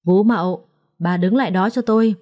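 A woman's voice: mid-range voice, moderate pace, dark tone, natural voice. Storybook casting: a cold young lord barking curt orders, played by a woman narrator. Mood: stern. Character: stern young master, cold and commanding.

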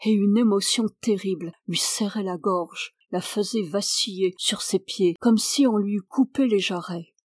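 A woman reading a classic story aloud in measured, even audiobook narration. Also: mid-range voice, dry recording, studio quality. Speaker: reader.

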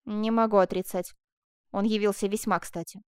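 A woman puts on a gruff, proud older nobleman in an audiobook. He answers brusquely and curtly. The sound is dry and close. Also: medium pitch, fairly even intonation, normal speed, a little mellow, dry recording, close to an everyday voice. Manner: curt, brusque.

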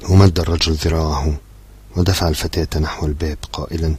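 Deep husky male audiobook narrator. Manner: measured, steady storytelling.

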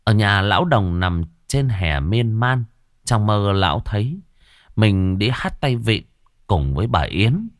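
A man narrates a bawdy comic village tale in an earthy, animated way. His voice is fairly low but swings widely in pitch, and it is recorded close and dry. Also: takes it slowly, dry recording. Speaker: storyteller. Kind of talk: comic folk storytelling.

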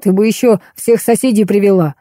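A grumpy middle-aged police colonel, as a woman reads him, complaining and pleading in a dry, close voice. He sounds dark-toned and touchy, an audiobook figure who grumbles at everyone around him. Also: medium pitch, fairly even intonation, a little fast, no room sound, lightly acted. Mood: grumbling.

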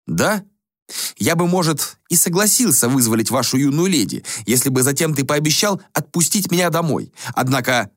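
A man's voice: on the high side, lively intonation, moderate pace, no room sound, clean studio sound, pitched above the performer's own voice, lightly acted. Man voicing a flustered ordinary guy, blunt, agitated, slightly raised. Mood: irritated. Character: ordinary man in a suit, confused and irritable.

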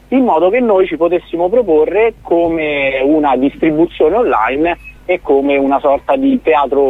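Over a tinny, dry phone line, a startup founder is interviewed on the radio, earnestly explaining his project with frequent restarts. His voice runs on the high side, with no room sound.

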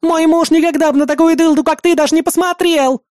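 An audiobook reader voicing a loud, quarrelsome village wife who screeches insults. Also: extremely high pitch, fairly even intonation, fairly quick, dry recording, clean studio sound, pitched above the performer's own voice. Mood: screeching. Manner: screeching, scolding.

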